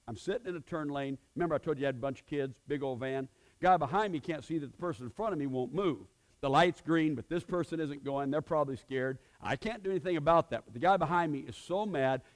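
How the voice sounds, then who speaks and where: A middle-aged man preaching a sermon in a fairly high voice. He tells his story in a chatty way. He drops to quiet asides, then bursts out loud to stress a point. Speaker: pastor.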